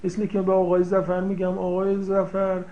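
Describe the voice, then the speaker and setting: High-voiced man teaching a legal text. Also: monotone, mellow. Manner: checks on listeners often, repeats and paraphrases Arabic phrases. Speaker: seminary teacher. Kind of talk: lecture explaining a classical legal text. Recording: slightly dull, lo-fi sound.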